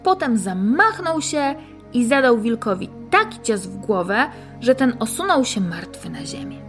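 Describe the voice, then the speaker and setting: A woman reading a fairy tale aloud and then reflecting on it in a calm, measured, gently instructive way. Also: on the high side, soft background music. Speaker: storyteller and spiritual teacher.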